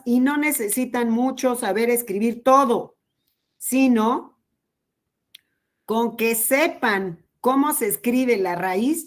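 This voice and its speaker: A woman with a Mexican Spanish accent giving a training lecture to teachers, explaining slowly and patiently with pauses. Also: fairly high pitch.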